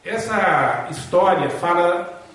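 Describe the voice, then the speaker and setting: A man's voice: sits high, expressive, takes it slowly, fairly bright tone. A man giving a spiritist lecture, telling a story in a folksy way and checking in with listeners. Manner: folksy, asks listeners along with tag questions. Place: spiritist center hall. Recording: echoey hall from far off.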